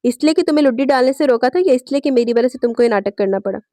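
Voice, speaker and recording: A woman's voice: high voice, lively intonation, very fast, dark tone, no room sound. A woman reading a novel aloud, voicing a curt, commanding young man. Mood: teasing. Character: young man, stern protective cousin.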